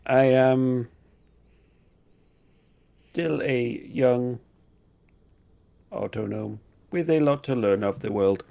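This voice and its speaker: A man's voice: mid-range voice, takes it slowly, creaky, pauses often, mellow. A man voicing a young, polite autognome in a tabletop game, careful, literal and formal in speech. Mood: earnest. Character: young, earnest, polite robot autognome eager to learn.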